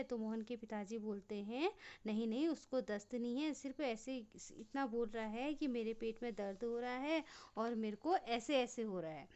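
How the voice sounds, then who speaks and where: A woman teacher with a Hindi accent from Uttarakhand, explaining a lesson in a fairly high, smooth voice. She retells the story plainly for children and sometimes restarts a phrase. The recording is dull and lo-fi. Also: darkish tone.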